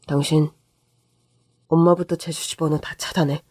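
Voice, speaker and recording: A weary, even-tempered husband, voiced by a woman reader in a read-aloud story. He talks low and quiet in a measured way, close to the mic in a dry space. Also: breathy edge, dry recording. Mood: subdued, weary. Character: weary calm husband, low-voiced, fed up with his mother.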